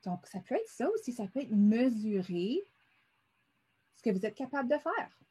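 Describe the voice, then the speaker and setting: A woman's voice: a little high, big pitch swings, normal speed, mellow, breathy edge. A middle-aged woman teaching a vocabulary lesson over a screen, patiently sounding words out syllable by syllable.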